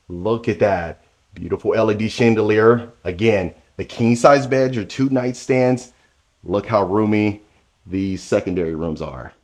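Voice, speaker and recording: With a fairly low, darkish voice, a man leads viewers through a new model home, filming on a handheld camera as he goes from room to room. He talks directly to the camera in an eager, sales-pitch style.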